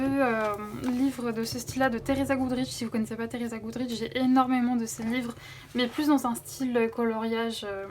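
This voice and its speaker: A woman's voice: a little high, darkish tone, a little hiss or hum. A young woman chatting enthusiastically through a coloring book haul, with many fillers. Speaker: coloring vlogger. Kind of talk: casual haul vlog. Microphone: phone camera.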